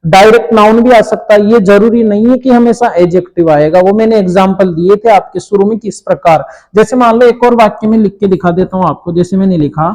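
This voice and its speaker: A man teaching an English grammar lesson to children, explaining slowly and checking in often. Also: high voice, a little mellow, rough recording.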